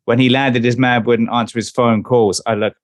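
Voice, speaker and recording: A man's voice: mid-range voice, little pitch movement, normal speed, no room sound. A man co-hosting a music podcast, rambling and reading lyrics aloud. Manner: rambling, restarts, reads out lyrics. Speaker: podcast co-host. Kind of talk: casual chat.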